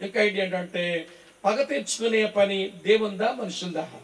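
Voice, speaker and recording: Male pastor with a high voice, preaching and questioning the congregation, set back from the mic. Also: moderate pace, far from the mic. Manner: preaching with rhetorical questions and call-outs to the congregation. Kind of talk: sermon.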